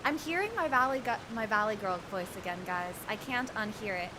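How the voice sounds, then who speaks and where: A woman's voice: medium pitch, a little fast, noisy background. A young woman streaming a video game, chatting casually in a rambling, slangy way. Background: game music.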